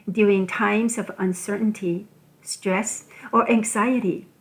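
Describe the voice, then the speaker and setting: A woman from Taiwan hosts a scripted solo talk in English. She speaks in a measured, deliberate way and sets out her points one at a time. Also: mid-range voice, low-quality recording. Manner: measured, deliberate delivery listing items one by one. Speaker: podcast host.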